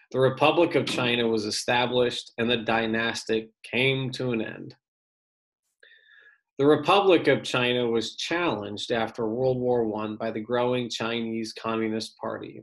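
A male teacher with a medium-pitched voice reads an article aloud to his students during an online lesson. His delivery is steady and plain, broken by brief casual asides.

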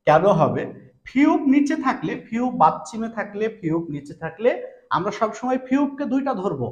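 A man's voice: sits high, very animated, normal speed, reverberant, highs cut off. A young man teaching a language lesson. He repeats each point twice and asks questions, then answers them himself. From Bangladesh.

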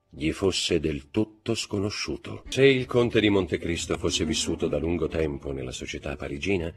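Low husky guy reading an old novel, dramatic, bit of quiet music behind. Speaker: audiobook narrator. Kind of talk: scripted narration of a classic novel. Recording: faint background music.

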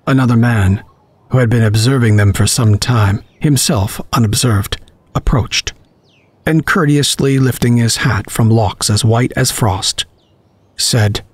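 A man narrating a horror story, reading in a measured, dramatic way. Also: mid-range voice, slightly rough, no echo.

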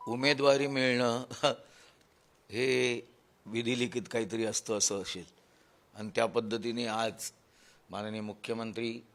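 A man, a candidate answering a reporter's questions in a slow, deliberate, defensive way. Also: medium pitch, little pitch movement, fairly bright tone, faint music behind. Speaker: interviewed candidate. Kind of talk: news interview answers.

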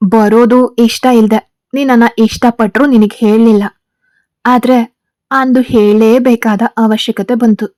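In a spoken romance story, a woman reads the part of an arrogant, teasing gang boss husband. Her voice sits fairly high with a mellow, dark tone, close to an everyday voice. The sound is dry, close, and free of echo.

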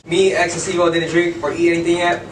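A man's voice: on the high side, little pitch movement, quick pace. A young man hosting a food challenge, chatting casually with the group. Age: young adult. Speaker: challenge host. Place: outdoor patio table, group before camera. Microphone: far camera. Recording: roomy, distant mic, noisy background.

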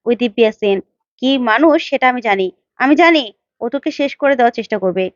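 A woman's voice: fairly high pitch, animated, fast, no echo, dull audio, natural voice. A woman voicing a bold, defiant young woman who scolds and threatens bluntly. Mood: threatening.

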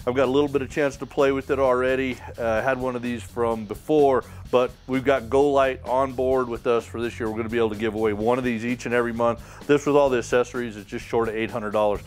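A man's voice: medium pitch, flat delivery, fast, hardly any pauses, faint music behind. A middle-aged man hosting a membership sweepstakes drawing, talking in a folksy, upbeat way as he reads out winners and their towns in a wood-paneled room. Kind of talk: casual announcing to camera.

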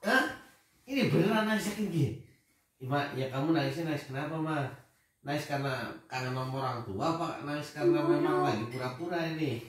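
A man's voice: a little high, animated, fairly quick. A man, a father, in casual, playful, teasing family chat at home. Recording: echoey room, mic far off.

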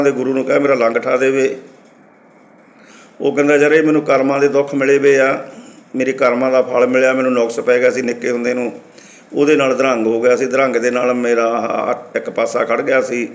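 Speaking fairly quickly in a mid-range voice, a Sikh preacher tells a story as a sermon to his congregation. He is a lively storyteller who performs the characters' dialogue himself.

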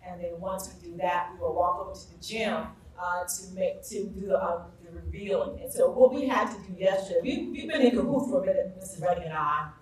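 A woman's voice: on the low side, a little fast, hardly any pauses, slight background noise. A woman from South Carolina giving an emphatic tribute speech at a school ceremony, building up on repeated phrases. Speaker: school staff speaker at a ceremony. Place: school gathering space with a live audience. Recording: echoey room, voice from far off.

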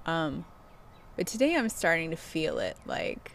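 Her voice is low-pitched but fairly bright, with huge pitch swings and a slightly slow pace. The middle-aged woman, a self-help vlogger who coaches clients, talks personally and confessionally to camera from a wooden deck outside, with clear outdoor noise.

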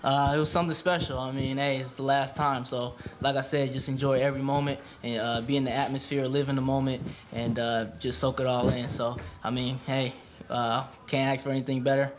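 A young man, a senior college football player, answering questions at a post-game press conference in a relaxed, casual way. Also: medium pitch, brisk, hardly any pauses, background noise. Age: young adult. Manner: relaxed, flat delivery with casual slang. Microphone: table mic.

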